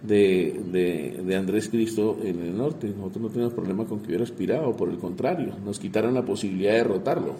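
A man, a congressman answering interview questions in a halting way, often repeating words as he searches for them. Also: fairly low pitch, warm tone, a little hiss or hum.

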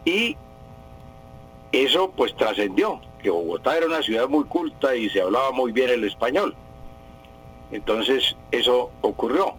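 Husky language expert, radio guest, unhurried anecdotal explainer. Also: male voice, medium pitch, animated, a bit bright, low-quality recording. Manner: explanatory, anecdotal, hesitant fillers.

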